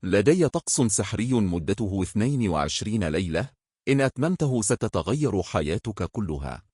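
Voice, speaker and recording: A man's voice: fairly low pitch, normal speed, husky, no echo, clean studio sound. A man doing a mysterious old graveyard stranger. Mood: persuasive. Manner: calm, persuasive.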